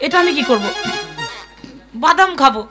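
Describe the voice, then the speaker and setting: Very high-pitched, distressed young village heroine. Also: female voice, lively intonation, normal speed, loud music behind the voice. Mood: placating, crafty. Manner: theatrical, emphatic, repeating phrases. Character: distressed, crafty young village woman pleading for escape. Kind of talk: Bengali folk stage melodrama. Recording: very loud live musical accompaniment.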